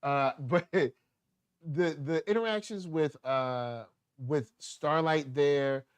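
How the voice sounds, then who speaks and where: Animated man chatting on a dry mic. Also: on the high side, very slow, smooth, no room sound. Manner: animated, laughing, acts out quotes. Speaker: podcast host. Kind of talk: casual chat reviewing a TV episode.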